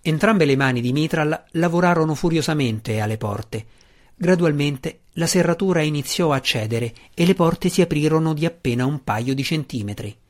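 A man reading a fantasy novel aloud as an audiobook narrator, in a steady, measured way. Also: a little high.

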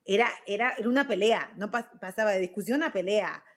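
A woman's voice: medium pitch, a little fast. Chatty Rioplatense woman with "ok?" tags. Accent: Rioplatense Spanish. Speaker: live stream host. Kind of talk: casual talk on self-growth.

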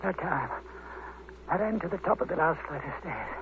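A tinny, noisy vintage radio track holds a dying man. He speaks very slowly and high, weak and gasping, bitter in halting broken English. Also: animated. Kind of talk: old-time radio drama acting.

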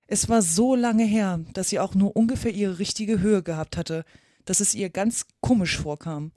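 A woman reading a children's classic aloud for a podcast, calm and softening at phrase ends. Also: mid-range voice, moderate pace, no room sound, clean studio sound. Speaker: podcast reader.

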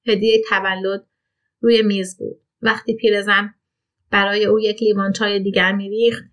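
Woman calmly reading a literary story. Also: medium pitch.

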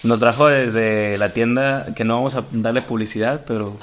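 A man's voice: medium pitch, steady tone, moderate pace, a little hiss or hum. A man hosting a casual podcast chat, teasing and rambling with restarts. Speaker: podcast host.

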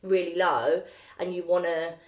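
A woman's voice: fairly low pitch, unhurried. A young woman co-hosting a podcast, telling stories with lots of swearing and acted-out quotes. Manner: animated storyteller, acts out quotes, swears freely. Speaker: podcast co-host. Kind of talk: casual chat. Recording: roomy echo.

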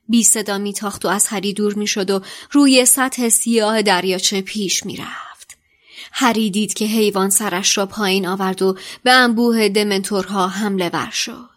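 Lady reading a book aloud, hushed and dramatic, mid-pitched voice. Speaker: podcast reader. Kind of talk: dramatic reading of a novel passage.

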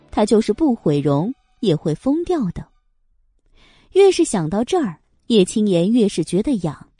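A woman narrating a romance novel audiobook with expressive storytelling. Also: mid-range voice, no room sound.

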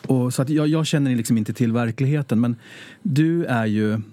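A man's voice: medium pitch, mellow, no echo. A man hosting an interview in a studio, asking hesitant, rambling questions full of fillers. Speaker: interview host. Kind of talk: casual interview chat.

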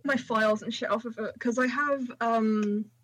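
A woman's voice: fairly high pitch, steady tone, normal speed, a bit bright, dry recording, low-quality recording. A woman co-hosting a podcast in casual chat, with a slight lisp, joking and swearing over a voice call. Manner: sweary, joking, self-mocking. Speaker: podcast co-host. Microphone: voice call over computer.

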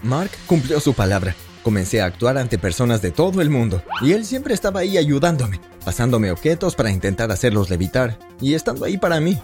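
A man narrating an animated first-person story in a scripted, expressive way. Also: medium pitch, a little fast, hardly any pauses, soft background music.

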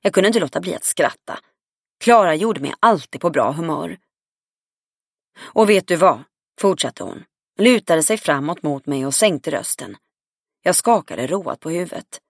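Woman audiobook narrator, low-ish voice, even read, dry studio. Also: gravelly, husky, dry recording. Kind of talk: scripted first-person narration.

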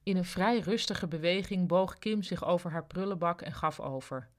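A narrator reading a serialized office story in an even, dry manner. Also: mid-range voice, moderate pace. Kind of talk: scripted narration.

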